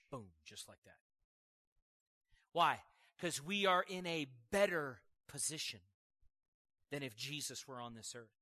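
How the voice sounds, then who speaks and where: Man, high bright voice, casual animated sermon delivery with asides to the room. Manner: conversational and animated, asking the audience questions, laughing. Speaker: preacher.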